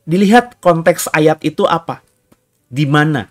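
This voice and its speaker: A man's voice: fairly high pitch, unhurried. A man pastor preaching a sermon, reading scripture aloud and acting out the cries of the people in it. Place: church hall.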